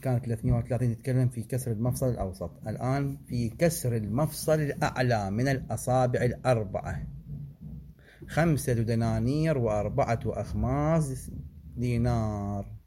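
A man teaching religious law in a seminary-style lecture. He recites figures from a text in a measured way, breaking off for short asides and corrections. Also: medium pitch, dark tone, a little hiss or hum.

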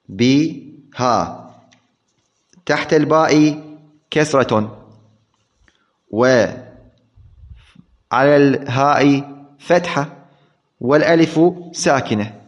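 A man giving a grammar lesson, repeating key words and asking questions he then answers himself. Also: mid-range voice. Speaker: grammar teacher. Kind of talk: classroom lecture. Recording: dull lo-fi recording.

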